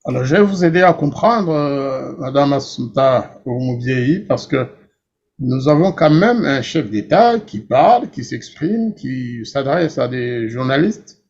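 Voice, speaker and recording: A man's voice: medium pitch, animated, unhurried, darkish tone, breathy edge, lo-fi sound. A man hosting a political talk show, explaining his view to a guest in a firm, assertive way. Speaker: radio host.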